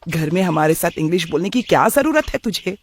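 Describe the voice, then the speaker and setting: A man's voice: high-pitched, lively intonation, fairly quick. A man voicing a strict, middle-aged traditional father who scolds his son in a cartoon story. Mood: scolding. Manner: scolding, stern. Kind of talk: cartoon voice acting.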